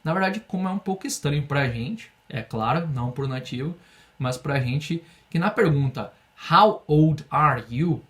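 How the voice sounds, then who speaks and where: A man from Brazil teaching an online English lesson, patiently explaining and slowing down to model phrases for students. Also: a little high.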